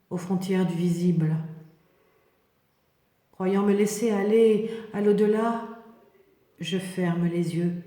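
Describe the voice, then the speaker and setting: A woman reading a scripted, poetic biblical meditation in the first person, in a contemplative, measured manner. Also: mid-range voice, dark tone. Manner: slow, poetic, contemplative delivery with measured phrases. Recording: echoey hall with long reverb.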